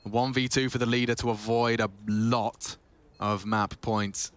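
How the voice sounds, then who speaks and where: A man's voice: mid-range voice, level tone, a little slow, slight background noise. A man doing live esports play-by-play commentary in dramatic, short punchy phrases.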